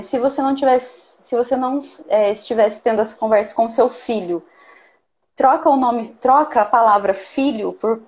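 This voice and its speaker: A woman's voice: a little high, darkish tone. A woman giving earnest parenting advice in a casual talk, often checking in with "né?". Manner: earnest, explains with many "né?" tags. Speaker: parenting guest expert.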